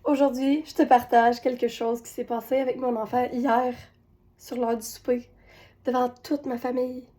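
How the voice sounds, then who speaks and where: A woman's voice: on the high side, flat delivery, normal speed, heavy background noise. A woman with a Québécois accent telling a personal parenting story, retelling scenes with quoted voices. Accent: Québécois French. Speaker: parenting coach.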